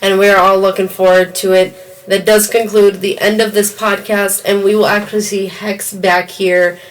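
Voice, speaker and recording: A woman hosts a laid-back wrestling podcast, talking in a chatty, exclamatory way. Her voice sits at a middling pitch. She sounds slightly distant from the microphone. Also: little pitch movement, moderate pace. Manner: chatty, exclaims "Lord" often. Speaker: podcast host. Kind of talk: casual wrestling podcast chat.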